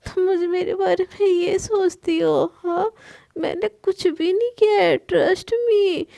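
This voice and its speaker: Teasing young woman as a woman narrator puts her on, high whiny mock-innocent voice, playful, gravelly edge, dry close sound. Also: fairly even intonation, takes it slowly, dark tone, no room sound, heavily acted.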